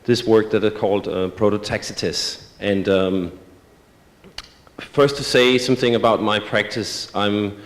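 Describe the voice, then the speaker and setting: Hesitant man, deep, in a hall. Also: steady tone, measured pace. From Denmark. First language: Danish. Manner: hesitant, many filler sounds and restarts. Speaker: artist presenting his work. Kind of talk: symposium talk. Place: museum auditorium. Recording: long reverb of a large hall.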